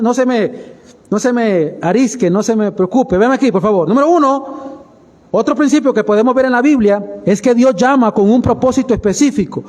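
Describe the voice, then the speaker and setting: A man's voice: extremely high pitch, darkish tone. A man with a Salvadoran accent preaching a conversational sermon as pastor, often calling listeners brother and asking rhetorical questions. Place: church sanctuary. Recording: long church-hall reverb.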